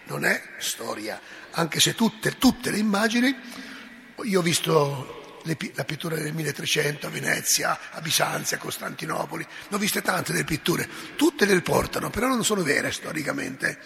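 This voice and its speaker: Gravelly, high-voiced man preaching. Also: moderate pace. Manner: animated storytelling, asks listeners directly. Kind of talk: sermon. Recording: echoey hall.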